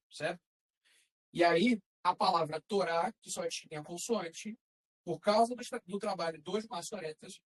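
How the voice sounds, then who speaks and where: A woman's voice: fairly low pitch, breathy edge, rough recording. A woman teaching a class, explaining patiently step by step and checking in with her students. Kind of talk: classroom lesson.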